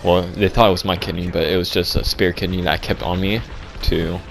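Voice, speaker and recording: Young man, very low voice, deadpan absurd storytelling, rambling, stumbling restarts, faint hum of background. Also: vocal fry. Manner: rambling, halting, full of restarts and fillers. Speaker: vlogger.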